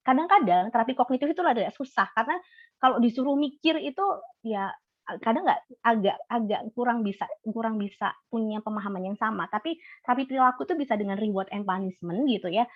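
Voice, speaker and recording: A woman's voice: a little high, dry recording. Chatty Javanese woman doctor on a call. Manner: chatty, explains with examples, many fillers and restarts. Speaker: doctor and guest speaker. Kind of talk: casual webinar talk. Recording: dry, slightly muffled call audio.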